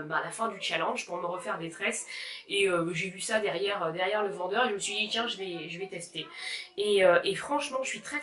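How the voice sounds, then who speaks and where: A woman in her thirties chats through a haircare vlog at home, with a mid-range voice. She laughs often and fills her pauses with "euh". The room sounds echoey, and children can be heard playing now and then. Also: mid-range voice, sharp tone. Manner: chatty, laughs often, many fillers. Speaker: beauty vlogger. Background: children playing in the background.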